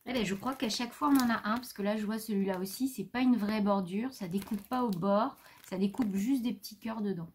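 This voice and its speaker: Brisk and barely pausing, her mid-range voice has a darkish tone as this French craft vlogger casually displays her new supplies. She rambles somewhat and stops to speak to her pet, with light background noise.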